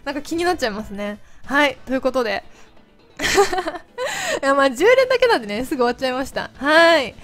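Chatty woman with a quick, high voice. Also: big pitch swings, a bit bright, faint music behind. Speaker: host of a mobile game channel. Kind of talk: casual chat to viewers.

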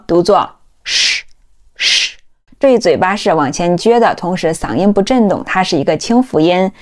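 A woman teaching English vocabulary, who explains step by step and says each word slowly several times over. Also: mid-range voice. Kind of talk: vocabulary lesson.

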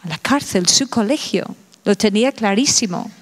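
Recorded in an echoing Madrid lecture hall, this middle-aged woman speaks at a moderate pace in a mid-range voice with lively intonation. She delivers a public lecture and keeps asking her listeners rhetorical questions.

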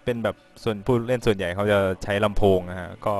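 A man's voice: lowish voice, fast. A man casually commentating a live game broadcast, laughing easily and giving viewers tips. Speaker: esports commentator.

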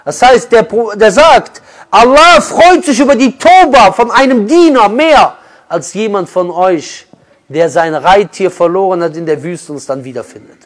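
A man preaching a sermon with passion, speaking straight to his listeners as brother and sister and swinging from loud urging to hushed, quiet lines. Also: high voice, animated, normal speed.

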